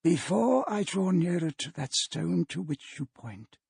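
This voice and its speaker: A man's voice: a little high, lively intonation, a little slow, creaky, a little mellow, husky, dry recording, clean studio sound, voice pushed up, exaggerated voice. A man voicing a frightened old miser who pleads formally and dramatically in a storybook. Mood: fearful pleading.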